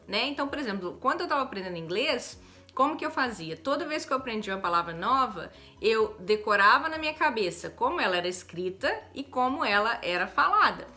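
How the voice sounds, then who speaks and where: A Brazilian woman teaching English in a chatty, lively video lesson, often adding quick tag questions. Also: fairly high pitch. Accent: Brazilian Portuguese.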